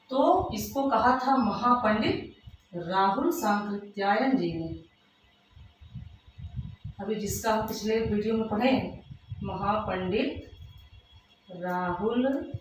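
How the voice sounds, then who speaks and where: A woman teaching a literature lesson, slowly repeating each term word by word and calling her students "beta". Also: medium pitch. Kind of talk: dictation-paced exam lesson. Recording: echoey room from far off, faint hiss.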